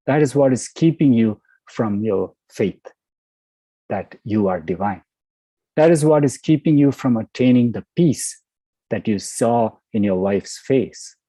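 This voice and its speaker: A man voicing a wise queen in the form of a small boy, calmly correcting a hermit. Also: medium pitch, breathy edge, no echo.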